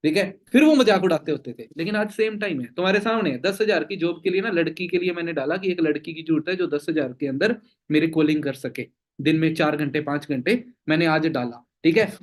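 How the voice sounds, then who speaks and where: High-voiced man pushing his team hard. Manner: emphatic, full of rhetorical questions and "theek hai?" tags. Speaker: network marketing team leader. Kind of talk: motivational Q&A at a team meeting.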